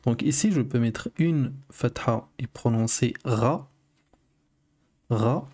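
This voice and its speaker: Slow, patient male teacher, mid-pitched voice, careful repetition for learners. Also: warm tone. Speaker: Arabic teacher. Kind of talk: video lesson.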